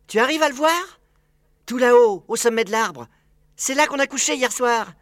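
A woman reads as an excited little storybook boy who chatters eagerly about what he found. The voice is raised and bright, recorded dry and close. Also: fairly high pitch, moderate pace, dry recording, pitched above the performer's own voice, natural voice.

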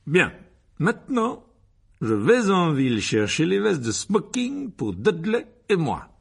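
Guy putting on a puffed-up loud uncle, high and swooping, gravelly edge, slow and bossy. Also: wildly swooping pitch, heavily acted. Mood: blustering. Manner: booming, self-important, slow emphatic delivery. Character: pompous blustering middle-aged uncle.

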